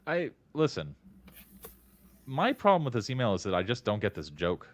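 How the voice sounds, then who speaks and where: A man's voice: mid-range voice, very animated, normal speed. A man co-hosting a casual writing critique, wry and joking, who often stammers as he starts a thought. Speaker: co-host reviewing copywriting.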